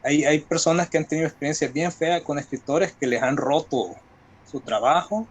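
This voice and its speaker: A guest writer with a Salvadoran accent talks colloquially and reflectively in a conversational interview, building his points from examples. His slightly rough voice sits a little above average pitch, and his pace is moderate.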